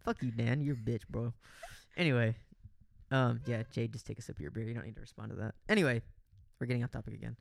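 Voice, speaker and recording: A man's voice: medium pitch, fast, vocal fry. A young man co-hosting a podcast, telling a story in casual chat with lots of swearing and acted-out quotes of himself. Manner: animated, swears a lot, acts out his own lines. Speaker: podcast co-host.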